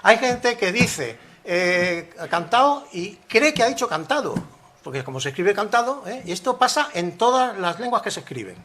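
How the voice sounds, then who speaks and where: An older man giving a university conference lecture, animated and rhetorical, often acting out the phrases he quotes. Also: high-pitched, normal speed, hardly any pauses. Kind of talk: academic conference talk.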